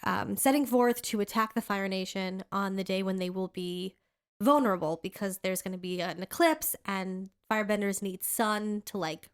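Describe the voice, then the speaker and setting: Chatty and rambling, this podcast co-host keeps restarting and leaning on fillers as she talks casually, sounding congested. Her voice is smooth and medium-pitched at a normal speed.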